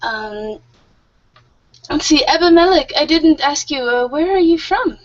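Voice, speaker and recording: A woman in her thirties, friendly yet a little nervous, teaches an online English group class and laughs often. Her high-pitched voice is animated and a little slow. The audio is muffled and lo-fi.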